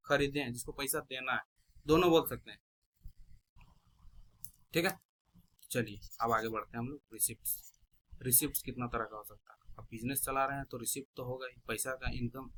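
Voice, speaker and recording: Bright-voiced male accounting teacher. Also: mid-range voice, poor audio. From India. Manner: asks the class questions and answers them, repeats key terms. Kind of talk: classroom lecture explaining terms.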